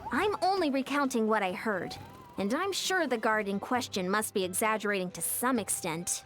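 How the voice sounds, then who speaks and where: A woman voicing an earnest, formal young woman war leader in a game, polite and measured. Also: a little high, lively intonation, fairly bright tone, faint music behind. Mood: concerned. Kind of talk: game voice acting.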